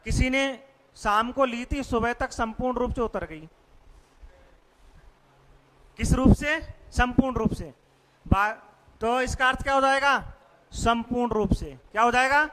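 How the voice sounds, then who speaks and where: A man's voice: very high voice, normal speed, big-room sound, noisy background. A male teacher giving a classroom vocabulary lesson, quizzing students with repeated questions. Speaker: English teacher.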